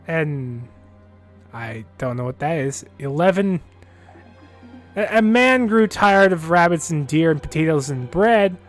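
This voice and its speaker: A man streaming a game, chatting and reading in-game books aloud. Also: on the high side. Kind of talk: casual gameplay commentary and reading aloud.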